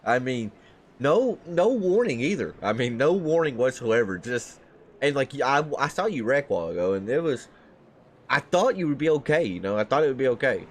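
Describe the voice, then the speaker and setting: A man's voice: medium pitch, sing-song, normal speed, slight background noise. A man doing casual live race commentary from the booth, loose and chatty, laughing often.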